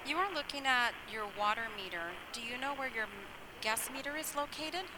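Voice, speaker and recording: A woman in a scripted customer service role-play, speaking clearly and cheerily as a call centre agent. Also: fairly high pitch, expressive, a little fast. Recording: clearly noisy with loud background noise.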